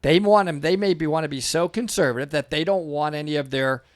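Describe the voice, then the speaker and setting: A man with a fairly high-pitched voice gives casual reaction video commentary. He explains technical matters like an experienced diver, and the sound is very dry with no room echo. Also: fairly quick.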